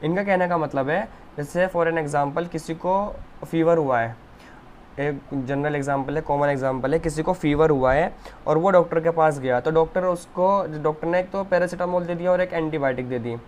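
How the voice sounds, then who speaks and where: Young male tutor, slightly high voice, patient step-by-step whiteboard lecture. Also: normal speed, darkish tone, slight background noise. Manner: explains step by step, often checks with "ठीक है". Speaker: Ayurveda teacher.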